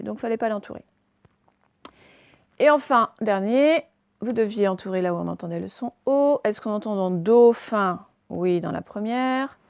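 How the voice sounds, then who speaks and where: A woman teacher giving a recorded phonics lesson for young children, sounding out each word clearly and stressing the target sounds. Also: a little high, a little mellow, no echo.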